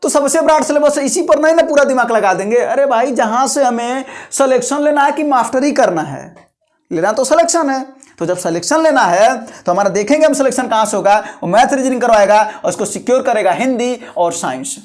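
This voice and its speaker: A man's voice: very high voice, expressive, a little fast. A male coaching teacher gives exam guidance to students. He talks in a colloquial, coaxing way and repeats his points to drive them home. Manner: repetitive, coaxing, colloquial exhortation.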